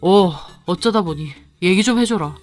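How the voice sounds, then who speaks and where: A woman's voice: moderate pace, darkish tone, no room sound, faint music behind, natural voice. A woman doing a suspicious, accusing young husband. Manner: cold, accusing, low-voiced.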